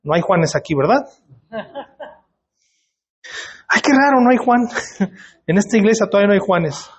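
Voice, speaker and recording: A man's voice: sits high, very animated, measured pace. A male pastor, preaching in a church and putting questions to the congregation in a conversational way. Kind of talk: sermon. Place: church hall.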